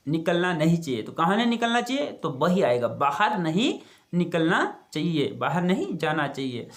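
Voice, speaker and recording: Classroom-style teacher at a middle pitch: reads a line aloud, explains it slowly, poses questions, answers them. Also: a bit bright. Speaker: Sanskrit teacher. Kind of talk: explaining a textbook lesson.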